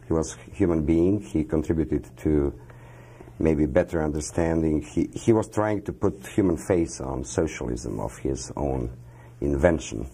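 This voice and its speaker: A man in his fifties with a Croatian accent, answering questions as a guest in a television studio interview, speaking in a measured, halting way with many pauses and fillers. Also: rumbling low, dark tone, slightly rough.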